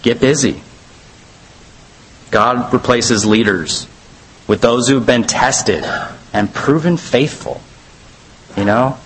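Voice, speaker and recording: A man's voice: medium pitch, slow pace, long pauses, a little hiss or hum, low-quality recording. A man teaching a church Bible study in a conversational, rambling way, full of fillers and asides.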